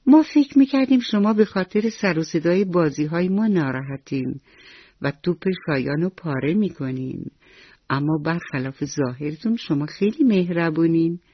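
An earnest, reassuring little girl in a bedtime radio story, as a woman storyteller voices her. Her voice is breathy and sounds dull and dry, as on an old lo-fi radio recording. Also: low voice, animated, no room sound. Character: confident kind young girl.

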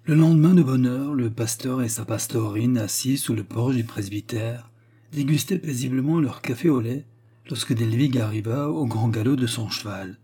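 A man narrating an audiobook in a measured, deliberate reading. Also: mid-range voice, dark tone, slightly rough. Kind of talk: scripted narration.

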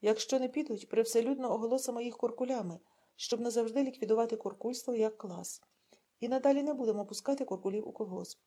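A woman reads as a zealous male secret-police officer, hoarse from shouting and full of fervent speechmaking. The voice is husky and mellow and sits fairly high. It carries the weight of a storybook read aloud. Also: quick pace, close to an everyday voice. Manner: fiery speechmaking, rising to shouts.

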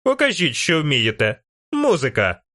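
A man voicing a bold, fiery young elf woman who calls out commanding, teasing shouts. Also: a little high, huge pitch swings, measured pace, no room sound, clean studio sound, heavily acted. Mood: rousing.

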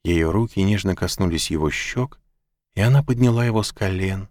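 A man narrating an audiobook in a measured, even storytelling manner. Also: sits low, no echo, clean studio sound. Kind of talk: scripted narration.

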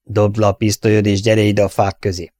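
A suspicious ranch guard barks wary questions in a low, rough-edged voice, as a man reading the story puts him on. Dry, close recording. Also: completely flat delivery, a little mellow, no room sound, lightly acted.

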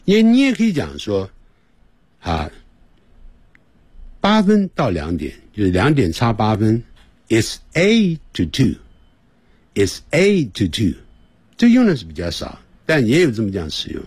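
A man teaching English on the radio, who explains patiently and slowly repeats English phrases as models. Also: lowish voice, wildly swooping pitch, a little mellow, breathy edge, no room sound. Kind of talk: radio language lesson. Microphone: studio microphone.

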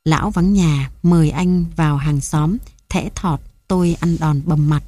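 A woman's voice: deep voice, a little slow, mellow. A woman reading a wary young wife. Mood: guarded. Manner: polite but guarded.

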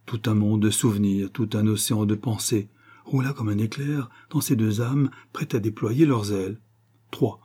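A man reading a classic French novel aloud as an audiobook, in a measured narrating tone. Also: lowish voice, fairly even intonation, warm tone, breathy edge. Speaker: audiobook reader.

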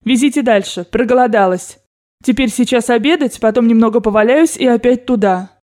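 Storybook part: woman reader doing a domineering elderly grandmother, blunt commands, pitched up, soft dark tone. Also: fairly quick, lightly acted. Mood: bossy. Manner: commanding, brusque and loud. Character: imperious rich old grandmother, bossy and blunt. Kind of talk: audiobook character voice.

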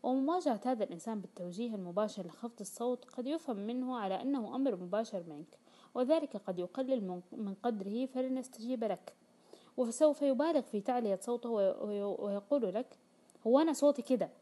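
Woman reading a self-help audiobook, quick pace, warm mellow tone. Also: fairly high pitch. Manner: explanatory, with quoted dialogue in colloquial speech. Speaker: audiobook reader.

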